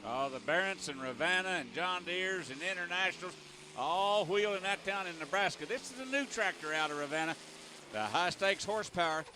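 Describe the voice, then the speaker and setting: High-pitched folksy male tractor pull announcer. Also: normal speed. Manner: folksy, colloquial turns of phrase. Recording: noisy outdoor track with engine noise. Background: outdoor ambience and vehicle engines.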